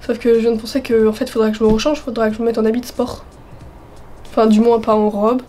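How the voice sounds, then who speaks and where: Speaking fast with a flat delivery, a young woman in her twenties chats through a casual vlog at home and partly on a terrace, cheerful and full of fillers though a chest cold has worn her voice. Her fairly high voice has a warm tone, with a little hiss or hum in the recording.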